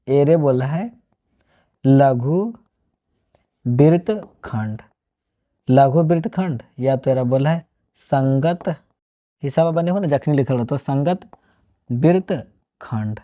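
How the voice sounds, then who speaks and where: A man from Bihar with a Bihari accent, teaching a math lesson online. He asks questions and answers them himself, mixing Hindi with regional dialect. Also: fairly high pitch. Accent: Bihari, Magahi-tinged Hindi. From Bihar, India. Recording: dull lo-fi sound.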